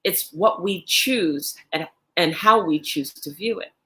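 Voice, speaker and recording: Woman co-host, fairly low voice, affirming and reflective motivational talk. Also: unhurried, fairly bright tone. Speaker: podcast co-host, wellness presenter.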